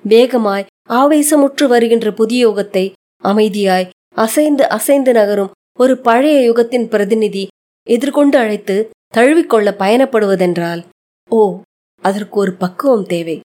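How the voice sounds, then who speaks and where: A woman narrating a short story in a measured, reflective storytelling manner. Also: a little high, mellow.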